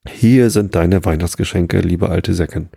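Brief: kindly old Santa Claus, read by a man, jovial storybook voice, dark and husky, dry close recording. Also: low-pitched, unhurried, dry recording, exaggerated voice. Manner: jovial, warmly explaining. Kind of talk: storybook reading.

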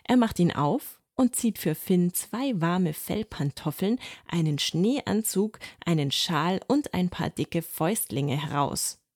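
Woman, storybook narrator, calm, gently expressive, low voice, dry close sound. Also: slow, few pauses, dry recording. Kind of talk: storybook reading.

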